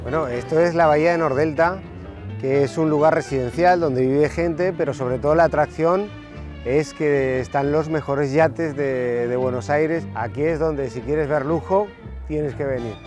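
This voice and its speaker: Over music, a middle-aged Spanish man with an Aragonese accent talks at a normal speed in a fairly high voice. As an interviewee on a tour, he chats casually and explains things, using plenty of fillers.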